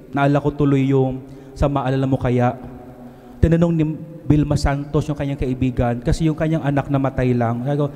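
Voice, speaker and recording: A man in his forties with a Filipino accent, a priest giving a homily at a lectern into a handheld mic, earnest and switching between two languages, slowing down to stress words. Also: a little high, mellow. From Philippines. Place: church altar, at a lectern. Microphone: handheld mic at the mouth. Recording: long church reverb.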